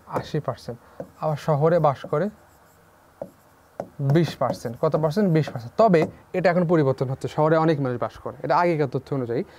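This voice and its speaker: A man's voice: on the high side, brisk, pauses often, a little mellow, a little hiss or hum. A young man teaching an online class, asking questions and repeating the key figures back to his students.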